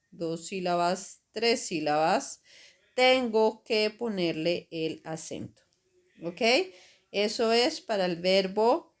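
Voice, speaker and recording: A woman teaching a grammar lesson over slides, explaining patiently and checking in with "ok?" and "right?" after each step. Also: medium pitch. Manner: slow, patient explaining with frequent "¿ok?" and "¿cierto?" checks. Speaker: Spanish teacher.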